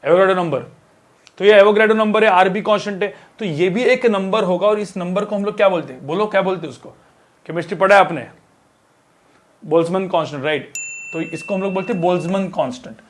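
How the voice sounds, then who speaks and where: High-voiced man teaching physics. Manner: talks while writing on a board, drawn-out words, many filler checks. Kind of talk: casual classroom lecture.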